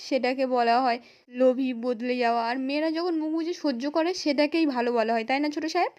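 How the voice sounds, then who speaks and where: A defiant young wife with a West Bengal accent, proud and bitter, as a woman narrator reads her lines. She talks fast and high, accusing and indignant, like a storybook retelling. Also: darkish tone, lightly acted.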